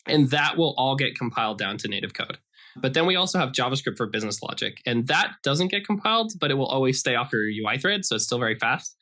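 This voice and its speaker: A software developer from Idaho, in the United States, is a guest on a conversational podcast interview, explaining things casually and saying "like" a lot. His mid-range voice is animated, fast, pushed and bright.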